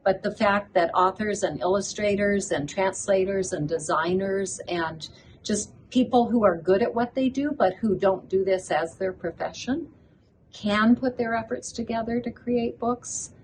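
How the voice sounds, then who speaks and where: A woman's voice: medium pitch, measured pace, a little hiss or hum, poor audio. An older woman who grew up in Ethiopia, a children's book author, speaking earnestly as an interview guest at a conference. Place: conference venue.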